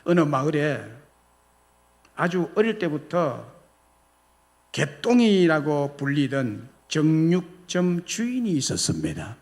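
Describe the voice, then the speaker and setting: A male pastor preaching a sermon, slowing down to stretch out key words. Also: a little high. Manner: animated, with slow drawn-out emphasis.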